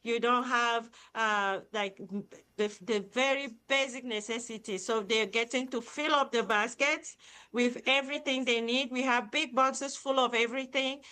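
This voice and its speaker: Her Cameroonian accent comes through as this middle-aged nonprofit founder and CEO speaks enthusiastically during a live interview. The voice is a little high, pushed and bright, clean in tone, at a normal pace, and her manner is upbeat.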